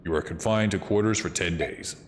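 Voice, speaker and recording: A man doing a deep stern old mercenary commander. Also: big-room sound, a little hiss or hum, lightly acted. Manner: grave, measured orders. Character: stern older male mercenary commander, father.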